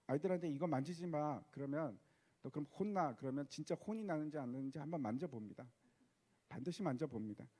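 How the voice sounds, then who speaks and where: A man's voice: high voice, a little mellow. A male pastor preaching a sermon, posing rhetorical questions to the congregation.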